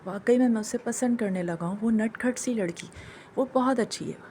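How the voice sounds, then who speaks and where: A woman's voice: on the high side, normal speed, dark tone, slight background noise, close to an everyday voice. Woman voicing a lovestruck pleading young man. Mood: earnest. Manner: earnest, repeats his confession insistently. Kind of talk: dramatized story reading.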